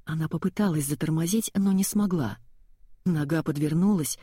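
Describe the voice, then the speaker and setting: Reading an audiobook story, a woman keeps her delivery steady and measured. The close, dry recording of her low, mellow, slightly husky voice has no room sound.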